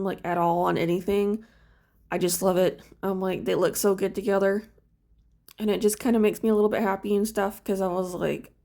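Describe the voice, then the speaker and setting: Fresh out of bed, a woman paints a small figure for her crafts vlog, rambling and chatting casually with plenty of fillers. Her medium-pitched voice is gravelly and darkish.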